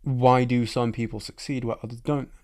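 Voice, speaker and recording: A man's voice: mid-range voice, steady tone, a little fast, darkish tone. A man hosting a podcast, talking in casual chat, frank and reflective, swearing freely. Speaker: podcast host.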